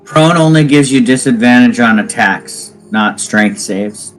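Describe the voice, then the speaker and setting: A man's voice: medium pitch, unhurried, faint music behind, poor audio. A man at a tabletop game, plainly explaining the rules to another player.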